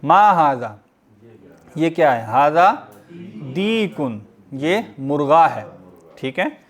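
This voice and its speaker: A man teaching a recorded lesson, reading out words slowly and explaining each one. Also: a little high, big pitch swings. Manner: slow and deliberate, reads Arabic words then explains them. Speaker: Arabic teacher.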